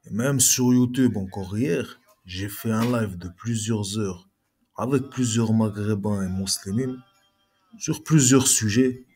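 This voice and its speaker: A man's voice: on the low side, takes it slowly, a little mellow. A man giving an argumentative reply monologue to a video blogger, speaking combatively and straight at his critic. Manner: combative, addresses critic directly.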